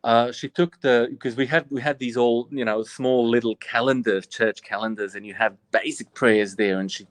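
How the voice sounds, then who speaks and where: Man, about 40, priest, earnest, restarts, mid pitch, dry close sound. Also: fairly even intonation, normal speed, few pauses, dry recording. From Bosnia. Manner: earnest and reflective, frequent restarts. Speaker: Orthodox priest, guest. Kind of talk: personal storytelling in interview.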